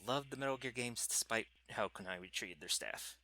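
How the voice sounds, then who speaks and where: A man's voice: mid-range voice, normal speed, a crowd in the background. A man co-hosting a podcast, chatting casually and rambling a little as he corrects himself. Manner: rambling, self-correcting gamer talk. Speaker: podcast co-host. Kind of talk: casual chat.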